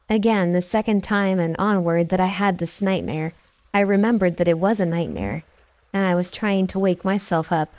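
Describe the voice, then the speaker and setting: A woman narrating scary stories from a script, with steady, measured storytelling. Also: mid-range voice, no echo, poor audio.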